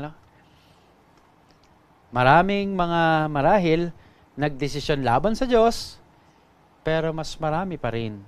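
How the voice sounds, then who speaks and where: Resonant Filipino priest teaching. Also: male voice, medium pitch, smooth. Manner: switches between Tagalog and English, frequent "no?" and "okay?" tags; addresses the audience politely with "po". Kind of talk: teaching talk on spiritual warfare.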